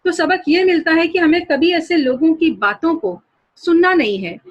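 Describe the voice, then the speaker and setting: A woman's voice: very high voice, normal speed, highs cut off. A woman teacher explaining a story lesson to students, guiding them through pictures and new words.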